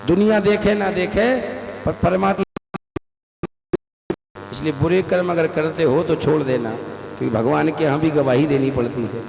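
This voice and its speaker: A man delivers a devotional katha sermon, acting out the lines of each figure in the story he tells. His voice sits high and rings out through a roomy space with a long reverb tail. Music plays clearly behind him. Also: darkish tone. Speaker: katha preacher. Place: large outdoor katha venue with loudspeakers. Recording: echoey live hall sound with music.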